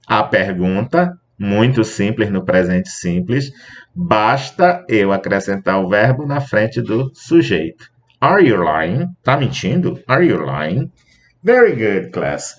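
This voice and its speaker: A man gives an English grammar lesson in a lowish voice, spelling out letters and slowly repeating each English example. He explains rules patiently and checks in with the class often. The recording sounds dull and lo-fi. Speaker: English teacher.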